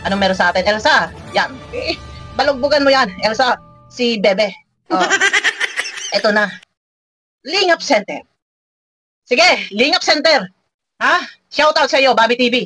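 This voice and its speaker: Woman reaction vlogger, high and bright, teasing and scolding with frequent laughs, faint music underneath. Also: animated, measured pace, long pauses. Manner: mocking, scolding, laughs often.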